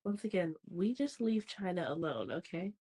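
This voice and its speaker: A woman's voice: on the low side, animated, normal speed, dark tone, breathy edge. A young woman co-hosting a podcast in casual chat, teasing in a dry, matter-of-fact way. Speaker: podcast co-host.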